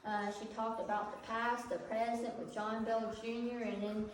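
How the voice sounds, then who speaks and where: A woman's voice: on the high side, flat delivery, moderate pace. Southern woman guiding in a very echoey cave. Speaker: tour guide. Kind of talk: informal guided storytelling. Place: inside a cave. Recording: echoey cave, distant mic, faint noise.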